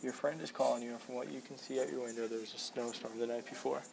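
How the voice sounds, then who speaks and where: A young man narrating a spoken-word piece in second person, calm, steady and matter-of-fact. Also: medium pitch, fast talker, gravelly, slight background noise, rough recording.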